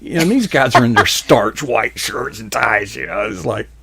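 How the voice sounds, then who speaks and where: A man's voice: medium pitch, expressive, normal speed, vocal fry, sharp tone, husky. A man, hosting a talk show and telling rambling, folksy stories that he laughs through. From American South. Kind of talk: casual storytelling chat.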